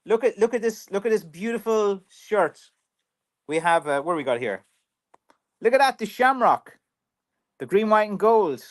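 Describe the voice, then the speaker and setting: A man's voice: sits high, lively intonation, normal speed, pauses often. An Irish man talks loosely and at length on a livestream, drifting from one thought to the next. His sentences restart often and are padded with easy fillers. He sounds like a craftsman chatting freely with his viewers. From Ireland. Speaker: professional stick maker. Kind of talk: casual livestream chat reading viewer comments.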